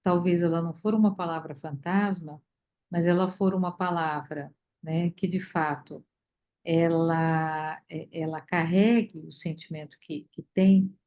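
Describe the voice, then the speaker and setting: Woman reflecting slowly in a study group. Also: lowish voice, fairly even intonation, darkish tone. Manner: thoughtful, many fillers and restarts.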